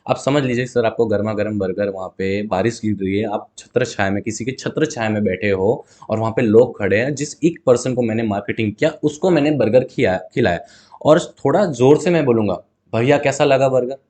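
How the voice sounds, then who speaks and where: A man's voice: lowish voice, a little fast, darkish tone. A man, a guest telling a story in a casual interview. He talks animatedly, acts out both sides of talks with customers, and mixes in English words. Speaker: guest, burger seller.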